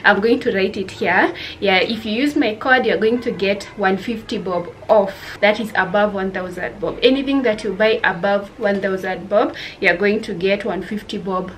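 At a moderate pace and with hardly any pauses, a young woman with a mid-range voice and Kenyan accent talks casually to camera in her home vlog. Recorded in a small room with slight background noise, she mixes Swahili words into her English.

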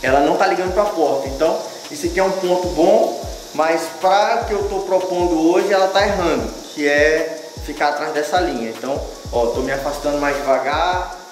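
Speaking a little fast, a higher-voiced Brazilian-accented man runs an informal dog-training demo, explaining steps loosely and repeating phrases to drive them home. The setting is a big, bare, tiled indoor room with heavy echo. The mic is distant and background music plays.

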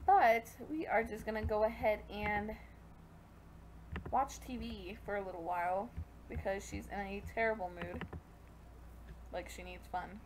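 A woman's voice: medium pitch, a little slow, pauses often, noisy background. A young woman casually commentating her gameplay and chatting to the characters on screen as she plays. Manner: chatty, talking to the game characters. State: pregnant, hot. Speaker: gaming video creator.

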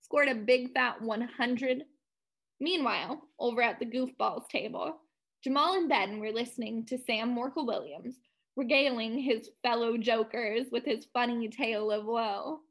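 A woman's voice: a little high, normal speed, poor audio. Woman reading a children's story aloud.

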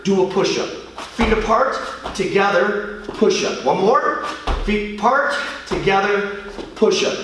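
A man's voice: sits high, background noise. A middle-aged man, a martial arts instructor, leading a home workout class and counting reps aloud while he exercises. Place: large bare studio, indoors. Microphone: far camera. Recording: echoey studio from far off.

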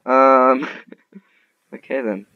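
Speaking very slowly in a steady, mid-range voice with no echo, a man plays Minecraft for a video. He casually swears and trash-talks his opponent, heard through a muffled, dull mic with a faint noise.

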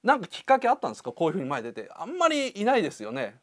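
A man hosts a casual interview, his voice a little high and very lively. He talks quickly and sounds dry and close, teasing his guest and filling the gaps with short nods of agreement. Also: dry recording. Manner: teasing, lots of quick back-channel replies. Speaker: host.

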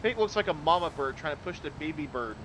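A man's voice: a little high, lively intonation, quick pace, fairly bright tone. A man playing a driving game with friends, teasing his buddy in running commentary. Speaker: co-op gaming friend. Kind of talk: casual gaming chat.

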